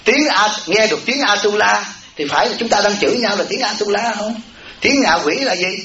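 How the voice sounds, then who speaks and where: A Buddhist monk, the abbot of a temple, giving a dharma talk in a folksy way, acting out everyday voices and often asking "right?". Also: male voice, high voice, expressive, fairly quick, sharp tone. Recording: echoey lo-fi hall recording with audience.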